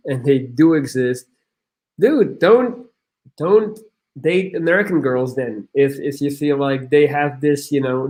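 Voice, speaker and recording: A young man from Belgium, a podcast guest talking in casual chat, blunt and rambling, swearing often and restarting his sentences. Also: on the high side.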